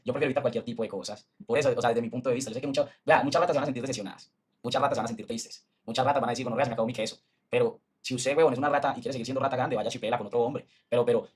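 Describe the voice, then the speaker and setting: A young man with a Medellín Colombian accent, ranting to his stream in a heated, slangy, fast-rambling way. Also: medium pitch, husky. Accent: Medellín Colombian Spanish. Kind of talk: casual stream rant.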